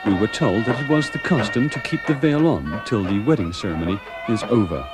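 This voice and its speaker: Low-voiced man narrating over music. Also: animated, fairly quick. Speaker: documentary narrator. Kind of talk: scripted travel documentary narration.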